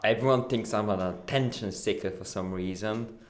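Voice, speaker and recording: A man's voice: on the low side, normal speed, a little hiss or hum. A teenage boy from Bulgaria, explaining a school project as a podcast co-host. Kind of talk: casual explanation. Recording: echoey room.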